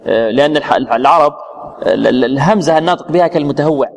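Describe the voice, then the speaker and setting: Guy teaching a recitation class, kinda high voice, keeps quizzing students, stops and restarts a lot, spells out sounds slow. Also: vocal fry. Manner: halting, frequent restarts and hesitations. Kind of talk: classroom lesson with questions to students.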